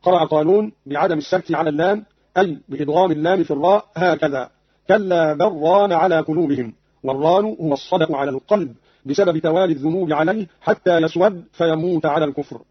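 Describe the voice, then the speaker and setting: Husky formal male radio presenter. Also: fairly high pitch, dry recording. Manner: formal, deliberate classical delivery. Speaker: radio presenter explaining readings. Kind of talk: formal scripted explanation. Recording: dull dry radio archive recording.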